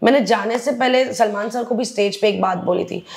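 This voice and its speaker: A woman's voice: mid-range voice, brisk, vocal fry, a little mellow. A woman speaking bluntly and animatedly as an interview guest, often slipping into English phrases. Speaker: interview guest, reality show contestant. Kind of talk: candid interview chat.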